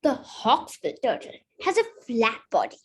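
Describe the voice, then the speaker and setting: A story reader with a high, husky voice reads a children's picture book aloud at an unhurried pace. Her intonation rises and falls in a lively way, and though she reads carefully, she sometimes stumbles over a word.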